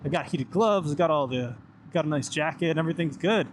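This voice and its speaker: A young man with a fairly high voice talks fast from inside his helmet as he rides a motorcycle, rambling casually from one thought to the next and cursing a little. He's a motorcycle vlogger doing a loose motovlog chat, with steady engine and road noise throughout.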